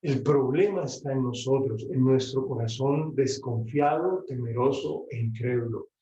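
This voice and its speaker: A man's voice: mid-range voice, moderate pace, warm tone. A man teaching a theology class, retelling scripture in quoted voices and often checking in with his listeners. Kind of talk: bible class lecture. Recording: distant, roomy, dull lo-fi sound.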